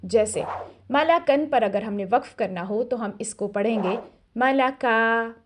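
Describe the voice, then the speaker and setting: A woman with an Urdu accent teaching a recitation lesson in a calm, measured way, sounding out syllables slowly and clearly. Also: medium pitch, slight background noise. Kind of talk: scripted tajweed lesson.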